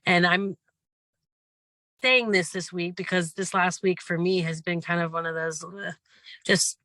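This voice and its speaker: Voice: mid-range voice, fairly even intonation, unhurried, pushed and bright, no echo. A workshop leader and life coach who is losing their voice, talking through a gratitude lesson in a rambling, earnest, encouraging way. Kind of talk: casual spoken workshop lesson.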